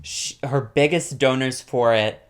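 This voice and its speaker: A woman's voice: extremely low pitch, clear, resonant tone. A woman co-hosting a podcast, chiming in with sarcastic remarks in casual chat. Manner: sarcastic, quick to chime in. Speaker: podcast co-host.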